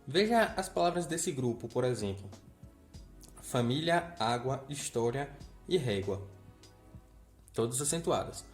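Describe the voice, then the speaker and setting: A man's voice: mid-range voice, animated, a little slow, long pauses, faint music behind. A man teaching a grammar lesson, explaining step by step and checking in with the viewer.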